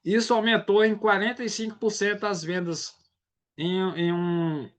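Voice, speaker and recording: A man's voice: sits high, steady tone, normal speed, a bit bright. A man from Brazil, giving a casual live sales training and often checking in with his audience.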